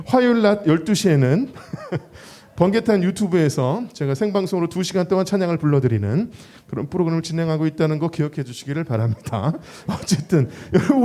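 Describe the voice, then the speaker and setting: A man, a pastor and gospel singer, giving a sermon at a praise concert, telling stories with acted quotes. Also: fairly high pitch. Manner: lively storytelling with acted quotes. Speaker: radio and online show host.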